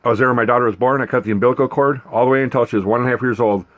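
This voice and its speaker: A man's voice: mid-range voice, steady tone, rapid-fire. A man giving an unscripted personal rant to document a grievance, emphatic, repetitive and full of swearing. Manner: aggrieved, profane, emphatic, repetitive.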